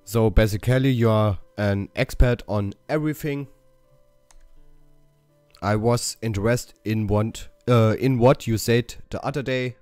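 A man talks his way through a game walkthrough at an unhurried pace, stumbling over English lines and fixing them. His voice sounds close and dry, with soft music underneath. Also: fairly low pitch, dry recording. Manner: reads English dialogue options haltingly, correcting himself. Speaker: gaming channel host. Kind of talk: casual game walkthrough commentary.

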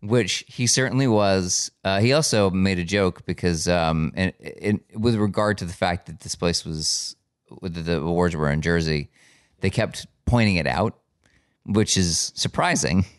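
A man's voice: low-pitched, a little slow, clean tone, dry recording. A man co-hosting a podcast, chatting casually with a dry, wry humor and a tired edge. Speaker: podcast co-host. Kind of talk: casual chat.

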